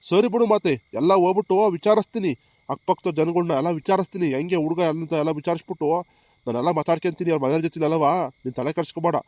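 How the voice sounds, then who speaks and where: A man voicing a kind old village grandfather in a cartoon comedy, calmly reasoning with his family and comforting his granddaughter. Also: fairly high pitch, rapid-fire, no echo, close to an everyday voice. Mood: soothing. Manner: soothing, reasoning.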